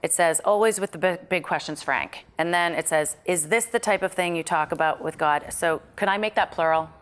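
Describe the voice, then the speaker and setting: At a script table read, an actress casually works through her lines in a lowish, smooth voice at a fairly quick pace. She is precise and detail-minded about the wording, reading lines aloud as she checks them and asking for approval.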